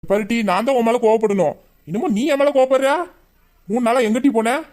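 A performer plays a lovesick young man in a romantic audio drama. He grumbles and sulks in a mid-pitched voice, putting on anger he cannot keep up. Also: a little fast, a little mellow, lightly acted. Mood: sulky. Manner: grumbling, mock-angry, then tender.

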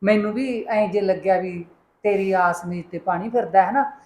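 A woman's voice: mid-range voice, normal speed, darkish tone, close to an everyday voice. A woman playing a mother who coaxes and counsels her son, sometimes firmly. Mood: coaxing. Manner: coaxing, motherly, rising to firm scolding. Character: middle-aged mother, calm then firm with her son. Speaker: mother in a short film. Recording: echoey room.

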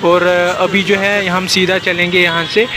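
A young vlogger with a high-pitched voice and little pitch movement speaks a little slowly as he narrates a casual walking tour. He points things out outdoors around a metro station and stadium, shooting on a handheld phone, with loud street and crowd noise behind him.

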